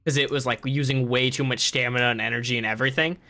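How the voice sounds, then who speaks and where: A man's voice: medium pitch, steady tone, fast, sharp tone. A young man hosting a gaming podcast, ranting in casual chat and swearing freely. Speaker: podcast host.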